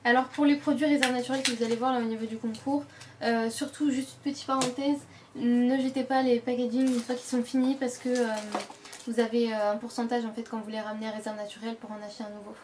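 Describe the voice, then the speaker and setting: A woman's voice: fairly high pitch, level tone, fast, noisy background. Chatty woman beauty vlogger. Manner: chatty, many fillers and self-corrections. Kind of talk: casual product show-and-tell.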